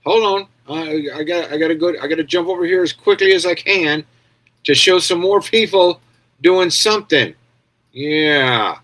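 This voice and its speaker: A man riffing on video clips in a loose, crude commentary. His voice sits a little high for a man, and his talk wanders, sarcastic and profane, with a habit of tagging sentences with "yeah?". He sounds like a regular host talking straight to his audience. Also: sharp tone. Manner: crude, rambling, sarcastic, frequent "yeah?" tags.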